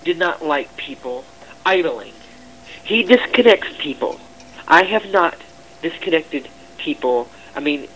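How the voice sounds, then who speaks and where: A man in his twenties ranting defensively in a voice chat, halting and repeating himself as he explains his role as a game server staff member. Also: medium pitch, fairly bright tone, a little hiss or hum, rough recording. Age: 20s. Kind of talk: voice chat rant. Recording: music playing clearly behind the voice.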